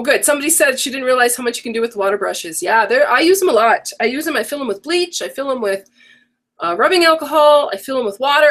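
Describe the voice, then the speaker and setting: A middle-aged woman with a high, slightly bright voice runs an online craft workshop in a casual live-stream. She chats and rambles, correcting herself as she goes, and her voice is worn from a cold on the way.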